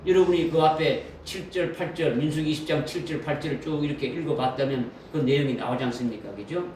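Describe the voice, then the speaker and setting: A man's voice: fairly high pitch, quick pace, darkish tone. A man preaching a sermon as pastor, often asking the congregation questions and repeating key phrases. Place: church sanctuary. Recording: roomy echo from a distant mic with faint noise.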